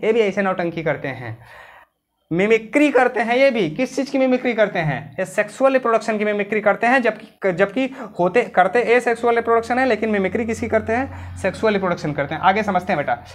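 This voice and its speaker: Indian male biology tutor, casual lecture, dictates notes slowly. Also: sits high, lively intonation. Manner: chatty, calls students "beta", slows right down to dictate English. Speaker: biology teacher.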